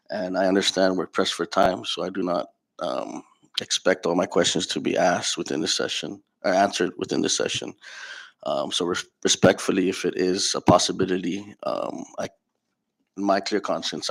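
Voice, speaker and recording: A man's voice: sits low, creaky, fairly bright tone. A male legislator giving an impromptu floor speech in a hesitant, respectful, apologetic manner.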